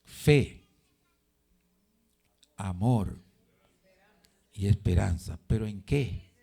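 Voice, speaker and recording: A man's voice: lowish voice, expressive, very slow, vocal fry, mellow, breathy edge. A man preaching a sermon in church, asking rhetorical questions, answering them himself and repeating phrases for emphasis.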